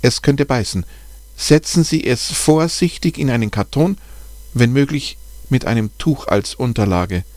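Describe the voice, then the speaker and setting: A man voicing a calm, helpful female bat expert who gives careful instructions in a raised voice, reading a storybook. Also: mid-range voice, measured pace, dry recording, voice pushed up, close to an everyday voice. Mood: instructive.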